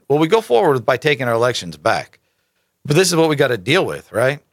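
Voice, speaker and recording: A man's voice: mid-range voice, a bit bright, no room sound, clean studio sound. Emphatic man reading and ranting. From United States. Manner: emphatic, rhetorical asides, stumbles over names. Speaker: political commentary host. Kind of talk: casual political commentary, reading articles aloud.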